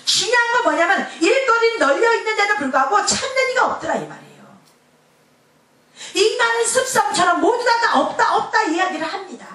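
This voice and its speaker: Woman pastor, high and animated, preaching in an echoey church. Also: fairly quick. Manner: animated preaching, dropping to a soft hush for quoted lines. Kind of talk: Sunday sermon. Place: church sanctuary. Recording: echoey church hall, mic far off.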